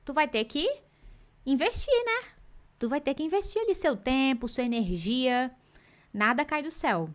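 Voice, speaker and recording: A woman's voice: high voice, expressive, normal speed. A woman with a Brazilian Portuguese accent teaching English in a live online class, playful and teacherly, dropping in English example sentences.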